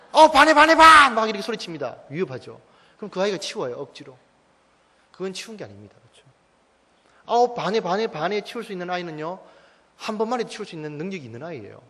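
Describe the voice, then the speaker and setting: Fast-talking man in an echoing church hall. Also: fairly high pitch. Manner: emphatic, addresses audience directly with rhetorical questions. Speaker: church staff speaker. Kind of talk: parenting talk to a church mothers' group. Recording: long church-hall reverb.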